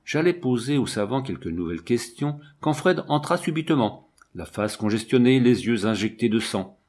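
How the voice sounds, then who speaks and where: A man reading a first-person novel aloud as an audiobook narrator, in an expressive storytelling way. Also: mid-range voice, moderate pace.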